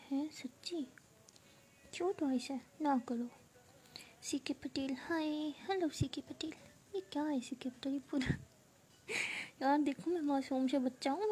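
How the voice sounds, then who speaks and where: Soft-voiced woman hosting a phone live stream. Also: high voice, measured pace, a little hiss or hum. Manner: soft, half-whispered, playful. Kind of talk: casual chat reading viewer comments.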